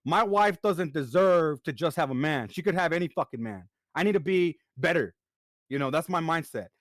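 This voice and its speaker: A man's voice: on the high side, expressive, normal speed, dry recording, studio quality. Earnest, rambling man in casual chat. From United States. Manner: earnest, rambling, swears often. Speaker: podcast co-host.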